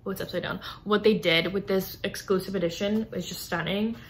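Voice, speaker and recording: Speaking fairly quickly with fairly even intonation, a woman in her twenties gushes emphatically and informally about books to her camera. Her voice is mid-range, a faint hiss or hum is present, and she's in a small room lined with bookshelves.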